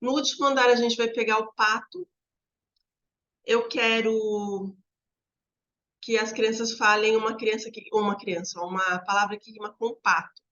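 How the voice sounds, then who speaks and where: A woman teaching fellow teachers in a relaxed lesson, walking through word examples one by one and drawing out the sample words slowly. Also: on the high side, lo-fi sound. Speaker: teacher trainer.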